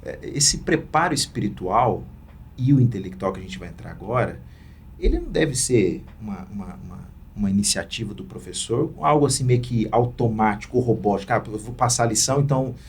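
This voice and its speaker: A man's voice: fairly low pitch, animated, fairly quick, a little hiss or hum. A man with a Brazilian Portuguese accent hosting a panel, affirming the guests and asking long questions. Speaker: host.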